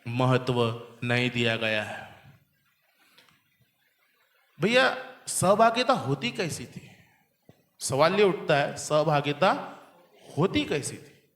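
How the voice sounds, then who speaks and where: A man's voice: on the high side, fairly bright tone, reverberant. A man preaching a sermon to his church, quizzing the congregation and having them repeat lines back. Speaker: pastor. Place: church hall. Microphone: handheld microphone.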